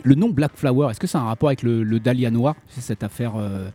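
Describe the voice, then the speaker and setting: Mellow male interviewer, informal and relaxed. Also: medium pitch, fast. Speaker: host, interviewer. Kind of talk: casual radio interview.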